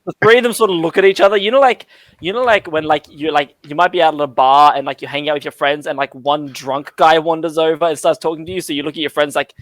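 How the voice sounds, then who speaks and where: A man's voice: on the high side, fairly even intonation, quick pace, a bit bright, no room sound. A man narrating as dungeon master, rambling with many fillers, on a call mic. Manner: rambling, lots of "like" and "um". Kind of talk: narrating a tabletop game.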